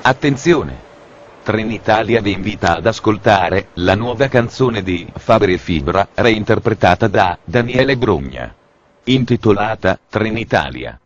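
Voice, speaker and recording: A man making deadpan, formal mock train announcements, as if heard over a train station PA system. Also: fairly low pitch, unhurried, muffled recording, slight background noise.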